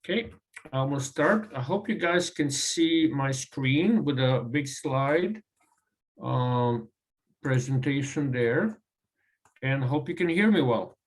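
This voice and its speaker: A man with a Croatian accent and a mid-range male pitch gives an online presentation as a guest over a video call. He is expressive but halting, filling gaps with ums and uhs.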